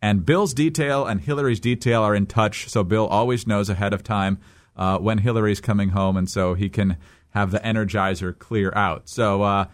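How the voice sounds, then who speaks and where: A man hosting a radio news show, delivering items in a dry, deadpan way. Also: lowish voice, moderate pace. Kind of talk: casual news discussion.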